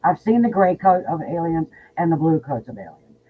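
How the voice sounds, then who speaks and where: Through a thin-sounding phone line with faint background noise, a fiftysomething psychic medium chats in a casual interview. Her deep voice has lively intonation and a moderate pace, and she's outspoken and blunt, often repeating words.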